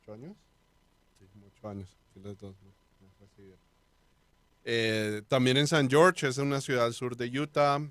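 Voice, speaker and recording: Smooth-voiced man hosting. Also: mid-range voice, normal speed, long pauses, fairly bright tone. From Colombia (Bogotá). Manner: leads the talk, joking and easygoing. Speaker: podcast co-host. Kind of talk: casual podcast chat.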